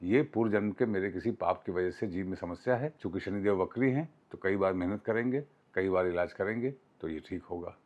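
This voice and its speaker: A man in his fifties, an astrologer teaching from his personal notes, rattling off long strings of numbers in a steady recital. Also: low-pitched, brisk, few pauses, dull audio. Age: 50s.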